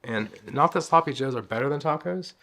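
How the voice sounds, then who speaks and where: A man's voice: fairly high pitch, a little fast, pushed and bright, a little hiss or hum. A man co-hosting a home cooking vlog, rambling and joking while he chats about food. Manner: jokey, rambling, laughs easily. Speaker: keto vlog co-host. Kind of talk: casual chat.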